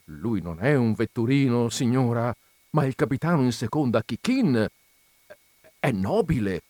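A man's voice: mid-range voice, sing-song, a little slow, a little mellow, no room sound. A man voicing a harried middle-aged landlord who complains plaintively and deferentially.

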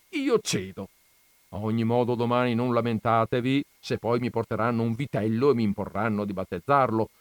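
A man's voice: medium pitch, no echo, pitched above the performer's own voice, natural voice. A man voicing a burly, stubborn village priest who argues and pleads in wheedling protests in a dramatized audiobook reading. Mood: pleading.

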